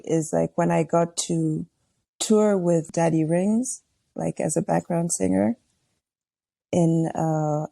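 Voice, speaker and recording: A young woman from Tanzania, chatting in a relaxed way as a podcast guest, talking about her music with many fillers. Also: lowish voice, creaky, no room sound. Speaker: guest, R&B singer and songwriting coach. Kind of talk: casual chat.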